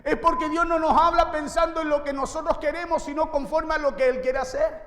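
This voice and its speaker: Male pastor, very high voice, sermon in a reverberant church hall. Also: little pitch movement, brisk, a bit bright. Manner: preaching with rhetorical questions to the congregation.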